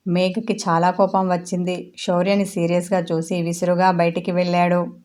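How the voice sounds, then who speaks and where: A woman reads her own serial story aloud in a low, flat, steady voice. She narrates at an even pace, with little rise and fall, and keeps the same calm tone through the scenes. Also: normal speed. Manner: reads all the characters in one steady voice.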